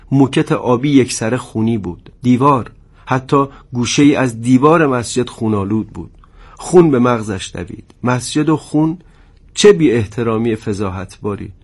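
A man narrating a dramatic story in a measured, tense way. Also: medium pitch.

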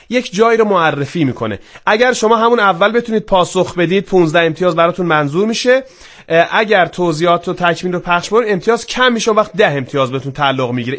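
A man with a high-pitched voice runs a live quiz show on air. He talks briskly, slowing down for scores and rushing through asides, and fills pauses with long drawn-out sounds. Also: a bit bright. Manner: brisk, pace swinging from slow to quick. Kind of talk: live broadcast quiz hosting.

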